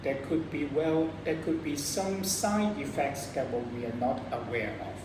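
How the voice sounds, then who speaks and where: A debate coach with a Hong Kong accent teaches a class on debate rebuttals, explaining points and posing questions to students along the way. Her voice is medium-pitched, animated and a little slow. The recording is noisy and picks her up from a distance in an echoey room.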